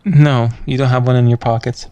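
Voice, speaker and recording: A game master narrating a tabletop role-playing game in deliberate, descriptive short phrases. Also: medium pitch, fairly even intonation, dark tone, clean tone, lo-fi sound.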